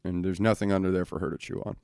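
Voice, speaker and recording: A man's voice: low voice, little pitch movement, fast talker, creaky, darkish tone, no echo, clean studio sound. A young man hosting a casual solo podcast from his bedroom, talking bluntly and swearing often as he rants. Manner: blunt, profane and ranting. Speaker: podcast host.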